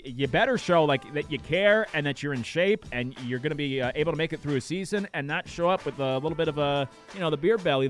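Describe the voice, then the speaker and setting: In a studio, a man hosts a sports talk radio show, speaking casually and rambling with plenty of fillers as he loses his voice. His voice is fairly high and fairly bright, picked up on a studio microphone.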